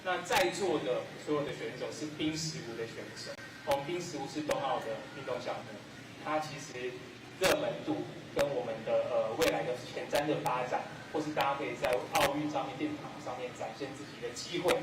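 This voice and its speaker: A man's voice: mid-range voice, brisk. A man with a Taiwanese Mandarin accent giving a rambling, informal opening ceremony speech as a guest. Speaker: guest speaker, former athlete. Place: echoey sports venue at opening ceremony. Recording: noisy roomy hall, distant microphone.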